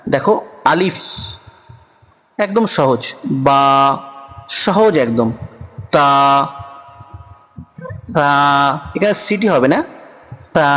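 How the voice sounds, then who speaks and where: A man with a Bengali accent teaches Quran reading, patiently sounding out each Arabic letter and repeating it. He speaks very slowly with many pauses, in a somewhat high voice. A long reverb trails behind his words. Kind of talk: slow spoken lesson on Arabic letters. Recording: long reverb, room echo.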